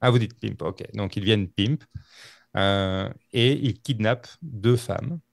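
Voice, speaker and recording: A man telling a true-crime story on a podcast, halting with many fillers and restarts. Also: lowish voice, creaky, no echo, studio quality. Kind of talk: casual storytelling.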